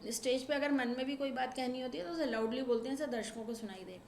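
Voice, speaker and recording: A woman teaching a Sanskrit lesson, reading verses slowly and explaining them line by line in Hindi. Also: high-pitched, a little mellow. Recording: echoey room with faint ambient noise.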